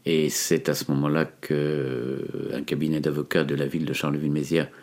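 A defence lawyer in his sixties from the Ardennes, France, with a metropolitan French accent, recounts his experience as testimony in an interview. He's hesitant and deliberate, with frequent long pauses, and his rumbling low voice is darkish and flat in delivery.

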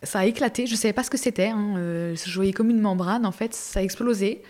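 A young woman giving a personal testimony as a podcast guest, talking casually with many fillers and restarts in a halting, emotional way. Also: medium pitch, darkish tone.

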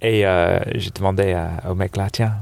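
A man from England with a clear English accent, somewhat low in pitch. He talks in a relaxed, chatty way, full of fillers and easy laughs, like a guest on a casual podcast. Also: normal speed. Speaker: snowboard shop buyer, podcast guest. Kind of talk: casual interview chat. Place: dark corner of a trade fair hall, on a sofa.

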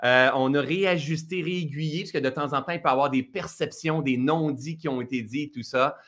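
A man's voice: on the high side, brisk, a bit bright. A man with a Québécois accent hosting a live-streamed interview, chatty and teasing, talking over a video call. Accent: Québécois French. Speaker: host.

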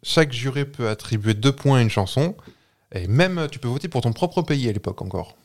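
A man's voice: mid-range voice, expressive, a little fast. A man with a French accent co-hosting a casual podcast, explaining facts with many fillers and restarts. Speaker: podcast co-host. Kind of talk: casual chat.

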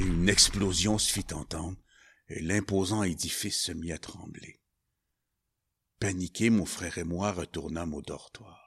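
A man reading a first-person story as narrator, slow and solemn. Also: low-pitched, breathy edge. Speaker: narrator and author.

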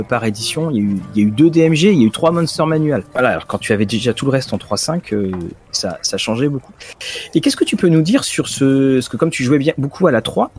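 A man's voice: mid-range voice, a little mellow. A man hosting a casual chat, repeating words as he frames his questions. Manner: stumbling, repeats words while asking. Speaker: podcast host.

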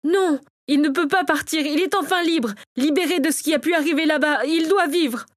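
A woman's voice: on the high side, steady tone, a little fast, no echo, clean studio sound, lightly acted. A woman voicing an anxious, protective male lord in an audiobook, speaking in a pressing, insistent way. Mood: desperate.

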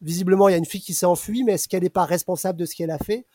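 A man's voice: sits high, rapid-fire, darkish tone, no echo, clean studio sound. A man reviewing a comic in casual radio chat, hesitant with fillers.

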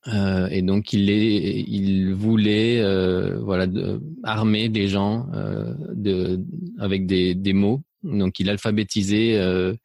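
Speaking slowly with vocal fry, this middle-aged man from Spain sits as a guest in a reflective personal interview. His fairly low, slightly mellow voice barely shifts in pitch, and his mixed French accent carries a faint Belgian tinge. He talks about his life haltingly, stumbling through fillers and restarts, and the recording has no room sound.

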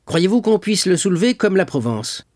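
A man's voice: high-pitched, very animated, normal speed, voice pushed up. A man voicing an angry, commanding old king. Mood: pressing. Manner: sharp, commanding, incredulous. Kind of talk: audiobook reading.

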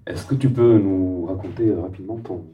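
A man with a very deep voice asks interview questions, halting and searching for his words. He sounds distant from the microphone, and the sound is dull and muffled.

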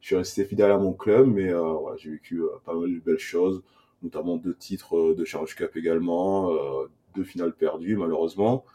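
Interview guest: man, 30s, from Burkina Faso, dark mellow tone, halting delivery. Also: low voice, steady tone. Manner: hesitant, many "euh" fillers and restarts. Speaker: guest, former rugby player. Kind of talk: casual interview answers.

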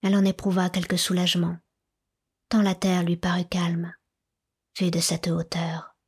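Breathy woman narrating a classic novel. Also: fairly low pitch, completely flat delivery. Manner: soft, measured, often slipping into a whisper. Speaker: audiobook narrator. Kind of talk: literary audiobook narration.

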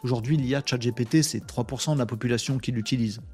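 This man runs a casual live-stream webinar every day, spinning animated stories punctuated by sound effects such as "bim" and reading out what viewers comment. His mid-range voice moves at a quick pace over soft background music.

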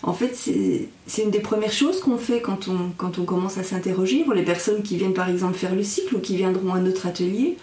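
A woman's voice: mid-range voice, mellow. Echoey, distant woman explaining reflectively. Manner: reflective, halting, searching for words. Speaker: mindfulness instructor and guest. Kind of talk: explanatory conversational interview. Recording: echoey room, distant from microphone.

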